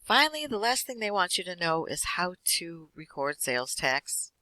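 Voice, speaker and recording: A man teaching an accounting class, walking through lecture slides quickly with casual fillers. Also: sits high, sing-song, sharp tone, no echo, low-quality recording. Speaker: accounting instructor.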